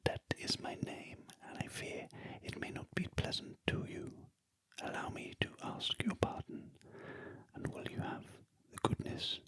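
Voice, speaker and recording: A British man voicing a reformed, courteous old Victorian gentleman in a gentle, breathy whispered role-play for a storybook reading. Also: a little slow, dry recording, close to an everyday voice, low-quality recording. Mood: humble. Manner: polite, old-fashioned, gentle.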